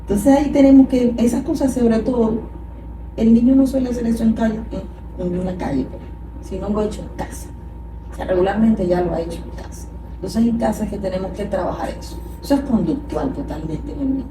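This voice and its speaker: A woman explains child behavior with patient, practical examples. She sits well back from the microphone in an echoey room, with steady noise behind her. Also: a little high, a little fast. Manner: explains patiently, acts out parents' scolding. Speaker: child psychologist guest. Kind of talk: conversational explanation. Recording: echoey room, far from mic, noisy.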